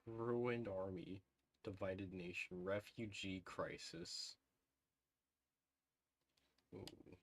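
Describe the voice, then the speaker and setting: A man's voice: deep voice, steady tone, drawn-out words, creaky, pauses often, no echo. A man streaming live over a headset mic, thinking aloud and reacting to a game with frequent "ooh"s and little laughs as he talks to his chat. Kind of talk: live gameplay commentary, talking to chat.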